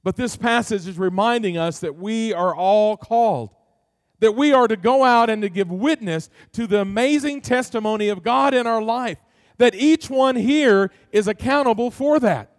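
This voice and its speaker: Middle-aged pastor, unusually high male voice, dry close sound, earnest folksy sermon full of questions. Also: moderate pace, no room sound. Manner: earnest preaching with many rhetorical questions; folksy, tells family stories.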